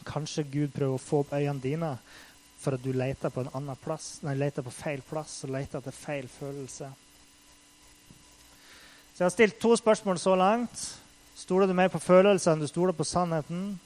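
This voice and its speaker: A man's voice: a little high, a little mellow, low-quality recording. A man preaching in a casual, conversational way, full of fillers, building to intense acted-out quotes. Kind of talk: casual sermon.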